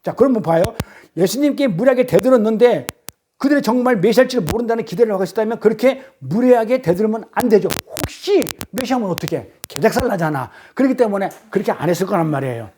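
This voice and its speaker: A man's voice: sits high, animated, fast, warm tone, slight background noise. A male pastor giving a Sunday sermon in blunt, colloquial speech, acting out heated arguments as he preaches.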